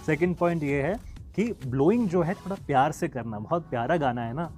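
A man's voice: on the high side, expressive, brisk, a little mellow, faint music behind. A man teaching a flute lesson in a casual, chatty way, singing the note names aloud as he goes. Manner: chatty and encouraging, sings the notes aloud. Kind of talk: casual online music lesson.

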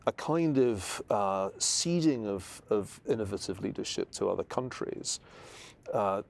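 A man's voice: lowish voice, animated, unhurried, creaky. A man from Scotland in a studio interview, musing aloud with restarts, on a lapel mic. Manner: thoughtful, searching, with many restarts. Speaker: historian guest. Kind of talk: conversational interview. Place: studio set with armchairs.

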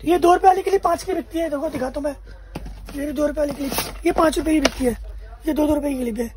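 Background noise fills the crowded indoor market shop where a young wholesale shopkeeper rapidly calls out prices. His sales pitch is emphatic, and he repeats his terms again and again.

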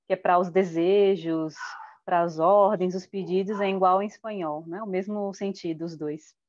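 A woman's voice: fairly low pitch, steady tone, moderate pace, a little mellow, highs cut off. A woman from Brazil, a native Portuguese speaker, explaining things during an online class and often ending points with a tag question. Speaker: student and helper in the class. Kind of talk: class participation.

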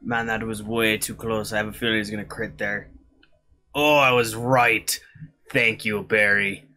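A man's voice: lowish voice, fairly even intonation, unhurried, pushed and bright, soft background music. A man streaming a video game, dropping pirate-style yar and arr growls and swearing as he plays. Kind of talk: let's play commentary.

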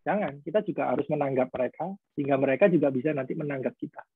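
Man, husky voice, fairly high, dry sound, thin phone-like call audio, conversational explainer. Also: very fast, dry recording. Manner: explanatory, conversational, acts out quoted exchanges. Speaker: guest speaker on parenting. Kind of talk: webinar Q&A answer.

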